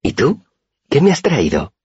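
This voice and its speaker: A tiny, whimsical young woman speaks with childlike wonder, as a man puts her on. Her voice rises high and breathless, with a husky edge underneath. The storybook recording sounds dull and dry. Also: huge pitch swings, a little slow, a little mellow, no room sound, full character voice. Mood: delighted. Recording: dull, muffled audiobook recording.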